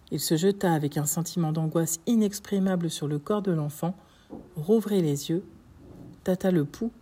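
A woman narrating a classic novel in steady, dramatic storytelling. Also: on the low side, slightly rough. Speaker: audiobook narrator. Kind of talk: scripted narration.

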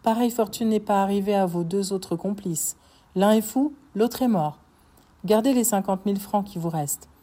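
A woman's voice: medium pitch, normal speed, mellow, voice pushed up, lightly acted. A woman reading the lines of a grave, solemn nobleman who confronts and forgives his enemy, in an audiobook. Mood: commanding.

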